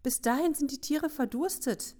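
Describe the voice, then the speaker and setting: A woman's voice: sits high, moderate pace, warm tone, voice pushed up, natural voice. A woman reading aloud, voicing a fretful girl who anxiously worries about animals. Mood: lamenting. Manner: whiny, anxious.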